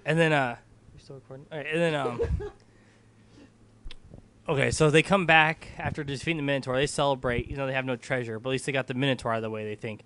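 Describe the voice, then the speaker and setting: A man's voice: mid-range voice, steady tone, fast, pauses often, fairly bright tone, a little hiss or hum. A tipsy man giving a casual, joking movie recap among friends, rambling, giggly and slangy, often losing his thread and backtracking. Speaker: amateur film reviewer, main storyteller.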